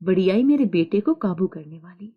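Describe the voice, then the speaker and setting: A woman's voice: mid-range voice, animated, husky, phone-quality sound. A woman voicing a scheming, spiteful older mother-in-law who scolds and taunts, read in a storybook narration.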